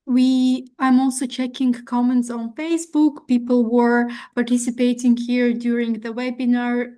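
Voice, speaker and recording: Over a video call, a native Russian-speaking woman moderates an online Q&A in a high-pitched voice with a dark tone. As a webinar moderator, she relays audience comments politely and formally.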